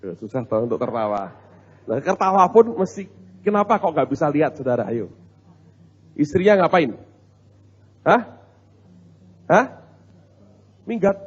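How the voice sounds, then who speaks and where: Husky high-voiced pastor preaching. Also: male voice, brisk, long pauses. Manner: animated, humorous, talks to the congregation. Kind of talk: storytelling sermon. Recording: muffled recording in a reverberant hall.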